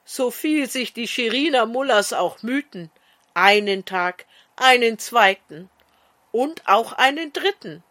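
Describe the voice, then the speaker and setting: A woman storyteller narrating a fairy tale in an expressive, sing-song way. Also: a little high, takes it slowly.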